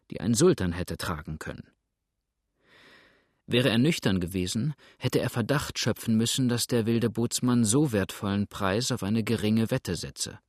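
A man narrating a story in a steady, scripted reading style. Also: lowish voice, no echo, studio quality.

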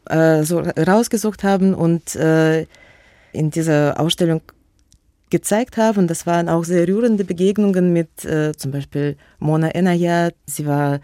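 Unhurried and fairly low-pitched, her dark voice is recorded in clean studio sound with no echo. She's a native Russian speaker with a matching accent, a museum curator answering a radio interviewer's questions about her work tentatively, with many fillers and false starts.

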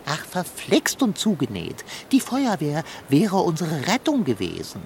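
A woman's voice: sits low, huge pitch swings, measured pace, vocal fry, a little mellow, a little hiss or hum, heavily acted. A woman playing a pompous, gloomy male companion in a children's radio play, speaking in grand, old-fashioned phrases. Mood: dismayed.

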